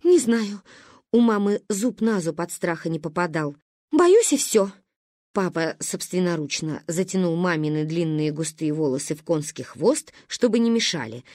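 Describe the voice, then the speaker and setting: A woman's voice: deep voice, normal speed, hardly any pauses, no echo, studio quality. A woman narrating a humorous family story as an audiobook reading. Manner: expressive storytelling.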